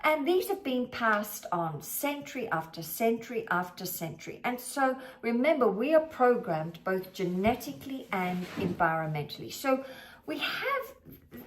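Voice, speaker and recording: A woman money mindset coach giving a motivational talk to camera, with slow, emphatic, drawn-out phrasing. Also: on the high side, very animated. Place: filming herself on camera.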